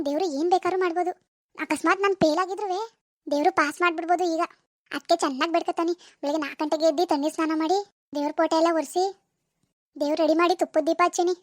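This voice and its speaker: Cartoon village teen girl, rural Karnataka Kannada accent, dramatic pleader, squeaky high voice, dry studio sound. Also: fairly even intonation, rapid-fire, no room sound. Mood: defensive. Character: anxious teenage village girl awaiting exam results. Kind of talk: cartoon voice acting.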